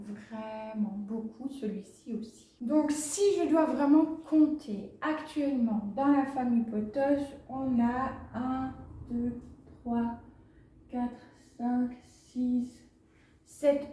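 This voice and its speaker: A woman chatting casually to camera as she shows her houseplants at home, hesitant with many fillers and quick to laugh. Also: a little high, mellow, reverberant, a little hiss or hum, rough recording. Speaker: plant vlogger, channel host. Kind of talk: casual chat to camera, showing plants. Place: home, indoors.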